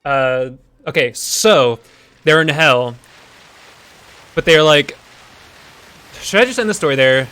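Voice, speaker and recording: Bright-voiced rambling male streamer. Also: fairly high pitch, lively intonation, slow pace, long pauses, clean tone, soft background music. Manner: rambling, many restarts and fillers. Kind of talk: improvised story while gaming.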